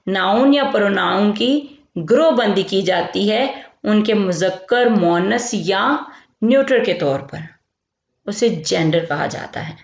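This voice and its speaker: A woman from Pakistan teaching a grammar lesson. She explains slowly and keeps checking in as she repeats each term. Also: mid-range voice, creaky. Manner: explains slowly, repeats terms, says "theek hai" often. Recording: lo-fi echoey room.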